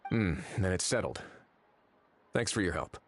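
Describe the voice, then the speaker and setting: A man's voice: low-pitched, animated, unhurried. An actor voicing a composed, authoritative male investigator in a video game.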